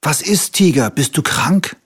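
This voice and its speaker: A gentle, caring little bear from a storybook, played by a man who speaks calmly and soothingly. His voice is slightly husky and unhurried. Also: mid-range voice, pitched above the performer's own voice, exaggerated voice. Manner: calm, reassuring. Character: little male bear, kind, caring helper.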